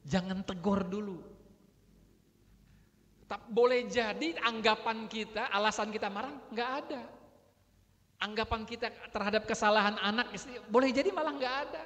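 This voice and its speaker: A man giving a religious sermon in a relaxed, conversational way, acting out everyday quarrels as examples. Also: sits high, normal speed, pauses often. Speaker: preacher. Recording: long hall reverb.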